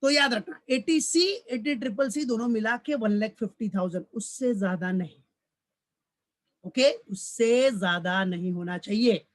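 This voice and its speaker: A man's voice: sits high, measured pace. A man teaching a recorded lecture who calls his students "beta", repeats each point, and keeps asking questions that he answers himself. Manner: fatherly, addresses students as "beta". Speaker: college commerce lecturer. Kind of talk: recorded tax lecture in mixed Hindi and English.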